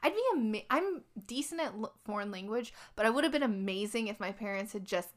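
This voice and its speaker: A woman's voice: medium pitch, fairly quick. A woman from Los Angeles with a Chicano American accent, chatting casually and animatedly with lots of "like". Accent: Chicano American English accent from Los Angeles. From Los Angeles, USA. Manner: animated, uses "like" very often. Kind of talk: casual chat.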